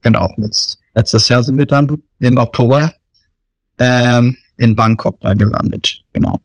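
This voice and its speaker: A man in his thirties from Germany, a missionary, answering interview questions in a relaxed way with many fillers. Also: mid-range voice, measured pace, no room sound. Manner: relaxed, filler-heavy talk.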